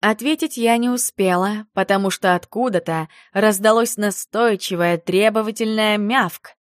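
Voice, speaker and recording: A woman reading a first-person novel aloud, expressive and even-voiced at a middle pitch. The sound is dry and close to the mic, with no room echo. Her lines to the cat turn soft and cooing. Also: moderate pace. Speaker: audiobook narrator. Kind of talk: first-person audiobook narration.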